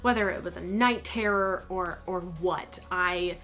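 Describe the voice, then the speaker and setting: A woman in her thirties telling spooky personal stories as a casual vlogger, with animated emphasis and dramatic pauses. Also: fairly low pitch, soft background music. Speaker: storytelling vlogger.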